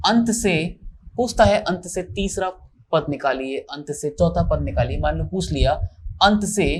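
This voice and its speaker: A man's voice: on the high side, slight background noise. A man teaching maths step by step in a classroom lecture, posing questions and answering them himself. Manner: explains step by step, asks and answers his own questions.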